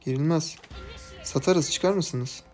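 A man's voice: a little high, slow pace, faint music behind. A man giving casual commentary over his own gameplay, muttering to himself and his team and venting his frustration with the game. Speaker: gaming YouTuber.

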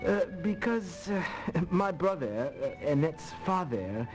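An actor playing a suave French suspect who chuckles and deflects questions, with a French accent. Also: male voice, fairly high pitch, sing-song, slow pace, darkish tone, faint music behind, low-quality recording. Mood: charming. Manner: smooth, chuckling, evasive. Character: suave French uncle suspect, chess player. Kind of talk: video game voice acting.

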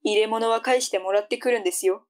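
Woman doing a strict bossy mum in an audio play, slightly high voice. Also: steady tone, quick pace, close to an everyday voice. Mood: instructing. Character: strict, bossy mother of grown children. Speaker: voice actor in a tongue-twister audio drama. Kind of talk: tongue-twister audio drama acting.

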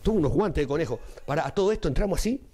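A man's voice: fairly high pitch, very fast, breathy edge. A man with a Rioplatense Spanish accent, a carnival performer telling an anecdote as an interview guest and acting out each line of dialogue in changing voices. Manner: lively storyteller, acts out dialogue in shifting voices.

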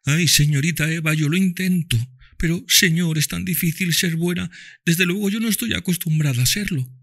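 Male narrator as remorseful young servant girl, high, plaintive, storybook. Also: moderate pace, a bit bright, no room sound, studio quality. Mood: pleading. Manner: pleading, plaintive.

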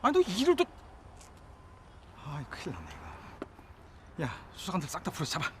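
An anxious senior prosecutor who frets and scolds. His voice is fairly high and swings widely in pitch. A clear hiss runs under the film audio. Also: sing-song, fast, sharp tone. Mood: fretting. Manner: fretful, exclaiming, scolding. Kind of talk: 1980s period film acting.

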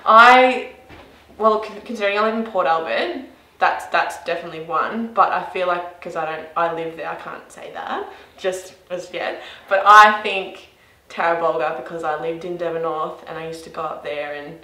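Interviewed in an echoey small office, an Australian woman in her twenties, a graphic designer from rural Victoria, keeps things cheerful and casual. She talks at a normal speed in a lowish voice with a sharp tone.

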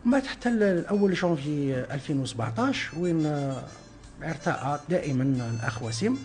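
A man's voice: fairly high pitch, big pitch swings, quick pace, a little mellow, faint music behind. A man with an Algerian Arabic accent, a guest on a radio interview, explaining at length with many filler sounds and French words mixed in. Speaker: guest, traffic info page team member.

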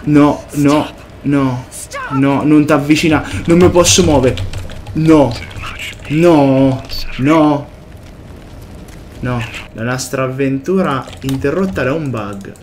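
A man doing a let's play commentary on a horror game, excitable, swearing and shouting whenever something jumps out. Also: medium pitch, slow pace, pauses often, slight background noise. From Italy. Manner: excitable, swears and yelps at scares. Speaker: gameplay commentator.

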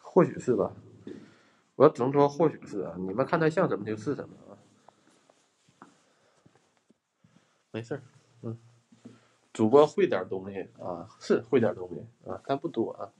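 A man's voice: mid-range voice, animated, measured pace, pauses often, darkish tone, slightly rough. Chatty young man. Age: young adult. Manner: chatty, joking, talks to viewers, flares up in mock anger. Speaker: livestreamer ghost hunter. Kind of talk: casual livestream chat. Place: abandoned house, indoors.

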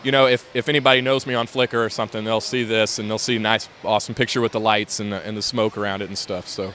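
At an indoor convention hall, a man rambles casually about his LEGO build in an interview, full of fillers and restarts. His voice is lowish, flat and quick, a bit bright, with a little hiss or hum.

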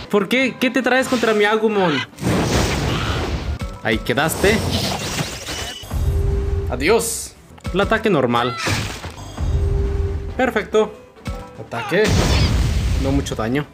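A man giving relaxed, chatty commentary while he plays a video game. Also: sits high, slow, long pauses. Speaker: gameplay streamer. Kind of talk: casual gameplay commentary. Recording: game music behind the voice.

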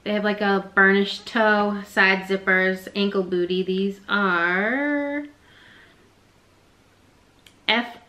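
A woman's voice: medium pitch, sharp tone, a little hiss or hum, low-quality recording. A young woman chatting casually through a resale haul vlog, rambling and self-deprecating. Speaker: reseller vlogger.

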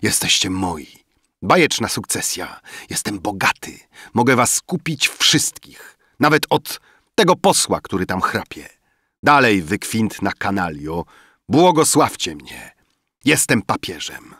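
An actor playing a drunken young man who shouts and boasts wildly about his sudden wealth in an audiobook reading. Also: lowish voice, expressive, slow pace, no room sound, studio quality, exaggerated voice. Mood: drunken boasting.

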